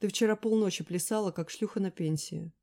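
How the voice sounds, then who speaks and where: A woman reading an audiobook, voicing a sharp-tongued young woman friend who scolds and mocks loudly. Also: mid-range voice, brisk, natural voice. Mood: mocking. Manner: loud, scolding, sarcastic. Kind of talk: audiobook character voice.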